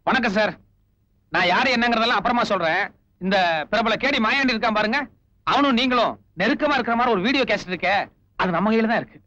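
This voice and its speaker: An actor playing a confident, wry thief in a film, talking in a chatty way. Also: male voice, high-pitched, fast talker, sharp tone. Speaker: thief turned helper. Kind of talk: film dialogue. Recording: dull lo-fi film audio with music.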